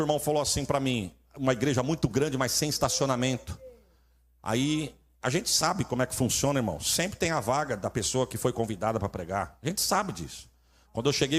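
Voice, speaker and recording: A man with a Brazilian accent preaching as a traveling pastor. He tells funny stories in an animated way and acts out the dialogue in different voices. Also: mid-range voice. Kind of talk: humorous storytelling sermon.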